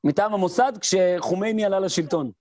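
A man giving a Torah lesson as a rabbi, telling stories with sound effects and answering his own questions. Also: high voice. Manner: lively storyteller who mimics sounds and voices; asks rhetorical questions and answers them. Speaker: rabbi teaching a class.

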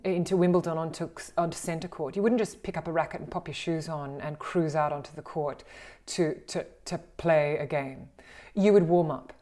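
A woman with an Australian accent, teaching voice and speaking skills in an animated, encouraging way and acting out the exercises she describes. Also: fairly low pitch. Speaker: voice and communication coach. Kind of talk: instructional talk on speaking skills.

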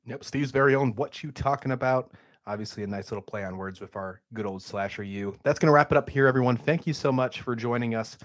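Male podcast host, hoarse from illness, upbeat promo read, medium pitch, dry close mic. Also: fast talker, no room sound.

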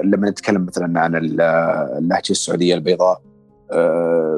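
A male voice-over artist chatting in an interview, talking fast with many fillers and restarts. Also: deep voice, darkish tone, breathy edge. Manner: quick, hesitant, many fillers. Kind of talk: casual interview chat.

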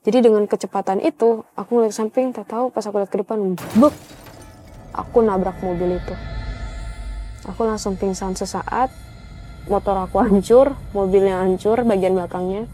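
A woman's voice: mid-range voice, steady tone, moderate pace, dark tone, soft background music. A young woman telling a spooky personal story in a casual, chatty way, speaking straight to her viewers. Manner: chatty, conversational, addresses viewers directly. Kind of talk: casual spoken horror story.

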